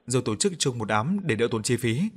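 A man reading a first-person horror story aloud in a steady, measured way. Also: mid-range voice. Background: soft background music.

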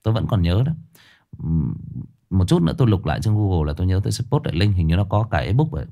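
A man telling a tragic true story to his listeners in a casual spoken style, with sudden high emphatic bursts and low somber drops. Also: very animated, fast, creaky, mellow. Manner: addresses listeners directly, casual with restarts.

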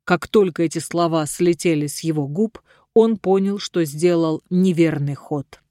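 An audiobook reader narrating a fantasy story in an even, measured storytelling manner. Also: mid-range voice, no echo, clean studio sound. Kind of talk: scripted narration.

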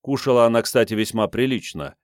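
A man reading a fantasy audiobook aloud as its narrator, in an expressive storytelling manner. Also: medium pitch, brisk, dry recording, studio quality. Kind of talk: scripted narration.

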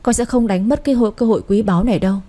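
A woman's voice: medium pitch, racing, dark tone, lightly acted. Woman voicing an anxious daughter-in-law. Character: anxious young daughter-in-law, eager to please.

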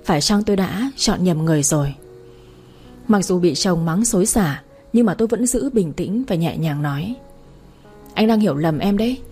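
Mellow husky woman storyteller. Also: on the low side, animated, normal speed, soft background music. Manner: plain, sorrowful storytelling. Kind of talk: first-person story narration.

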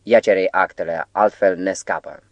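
A man's voice: sits low, fairly even intonation, no echo, highs cut off. A man voicing a hot-headed young poet. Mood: suspicious.

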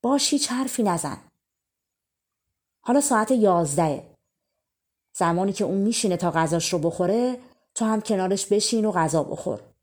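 A woman's voice: mid-range voice, animated, pauses often, close to an everyday voice. A woman voicing a kind, motherly old woman in a fairy tale. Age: older. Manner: warm, motherly.

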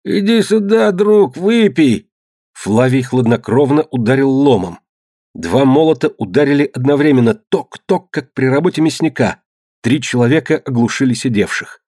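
A man reading an adventure novel aloud in a measured, dramatic manner. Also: medium pitch, dark tone, no echo, studio quality. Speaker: narrator. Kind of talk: scripted audiobook narration.

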